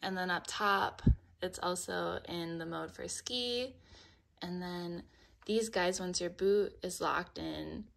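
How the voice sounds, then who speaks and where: A young outdoor gear vlogger shows how her ski gear works, explaining it step by step in a friendly, casual way as she handles it. Her voice is on the low side, slow and gravelly, with a fairly bright tone.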